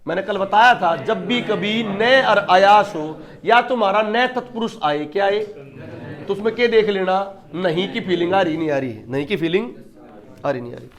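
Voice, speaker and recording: A man's voice: sits high, moderate pace. A man teaching an exam-prep class, emphatic, asking questions and answering them himself.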